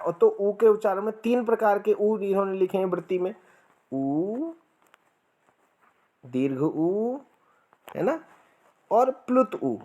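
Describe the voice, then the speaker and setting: Slow, deliberate male Sanskrit grammar teacher. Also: a little high, dark tone. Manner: slow explanatory delivery with frequent "है ना" and "ठीक है" check-ins; drawn-out chanting of sutras and vowel lengths. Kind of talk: spoken classroom lecture.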